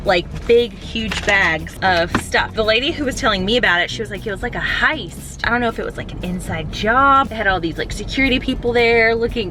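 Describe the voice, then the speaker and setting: A woman's voice: mid-range voice, bright, forceful tone, slight background noise. A woman lifestyle vlogger talking casually and chattily about her day. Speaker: lifestyle vlogger and event host. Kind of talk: casual chatty vlog talk.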